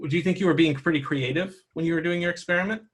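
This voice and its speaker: A man's voice: on the high side, rapid-fire, a little hiss or hum. Guy running a tabletop game for kids, patient and encouraging, explains every step. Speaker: game master. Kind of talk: narrating a tabletop game for children.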